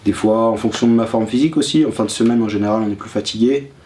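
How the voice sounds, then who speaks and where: A young man from the Paris region, a ski instructor trainee, speaking calmly in a documentary interview. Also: on the low side, quick pace.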